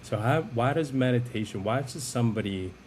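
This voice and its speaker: A man's voice: mid-range voice, animated, fairly quick, darkish tone, slight background noise. A man hosting an interview, asking long, loosely built questions that wander before landing. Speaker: podcast host.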